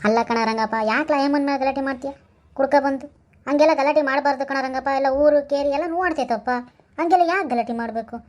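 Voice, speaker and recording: A village neighbor man, played by a woman in a comic skit, quick and high for a man. He chides and reasons earnestly, wagging a finger at a drunk's rowdiness. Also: a little mellow, natural voice. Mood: chiding. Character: reproachful male village neighbor.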